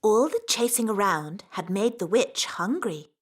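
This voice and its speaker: A woman voicing a gentle fairy queen and mother in a children's cartoon, with a soft, patient storytelling manner. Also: mid-range voice, expressive, a little slow, breathy edge. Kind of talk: animated children's cartoon voice acting.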